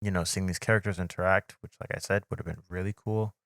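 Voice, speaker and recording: Male podcast co-host, lowish voice, measured, dry close mic. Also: fairly even intonation, gravelly, fairly bright tone, dry recording. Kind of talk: casual chat. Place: home studio. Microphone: desk mic on a live stream.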